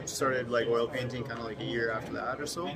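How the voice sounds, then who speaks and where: A laid-back man answers questions about his work, hesitating and filling pauses as he goes. He speaks at a middle pitch, and a crowd chatters clearly behind him in the gallery. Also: fairly even intonation. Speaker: artist being interviewed. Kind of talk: casual interview answers. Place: indoor art gallery.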